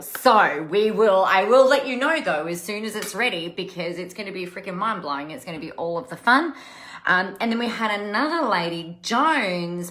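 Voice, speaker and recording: A woman with a lowish, slightly bright voice hosts a casual live stream as a coach, chatty and emphatic, repeating words for effect. The room sounds echoey.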